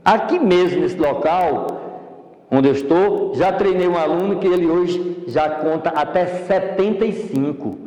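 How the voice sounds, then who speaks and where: Mellow-voiced Brazilian speaking teacher. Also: male voice, on the high side, a little slow, echoey room, big-room sound, rough recording. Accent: Brazilian Portuguese. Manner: didactic, explanatory, demonstrates voice tones. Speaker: public speaking instructor. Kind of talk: instructional speaking course. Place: studio.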